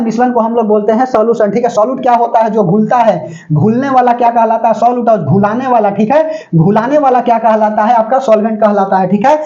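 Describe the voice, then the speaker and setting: A man's voice: very high-pitched, warm tone, muffled recording. A man lecturing on chemistry, quizzing students with constant questions and joking everyday examples. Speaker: chemistry teacher. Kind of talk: classroom lecture.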